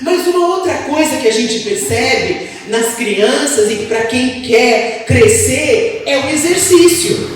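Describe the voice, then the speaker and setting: Woman preacher, higher voice, animated call-and-response sermon, distant mic in a reverberant church. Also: slight background noise. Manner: animated, asks the congregation for replies. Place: church hall. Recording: echoey hall, distant mic.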